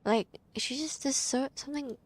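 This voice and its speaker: A woman's voice: high-pitched, moderate pace. A young woman streamer reacting to a game, gushing and half-whispering as she reads along.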